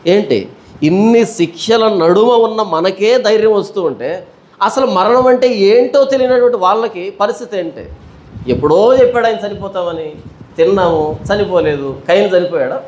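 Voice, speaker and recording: A man's voice: sits high, normal speed, darkish tone. A male pastor teaching a Bible study sermon, asking rhetorical questions and repeating them, with everyday storytelling examples.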